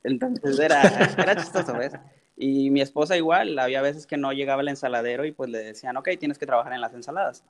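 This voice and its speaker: A man's voice: medium pitch, quick pace, few pauses. Man telling kitchen stories. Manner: animated, acts out quoted dialogue in his own voice; repeats "literal" often. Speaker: interview guest, cook. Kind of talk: casual storytelling.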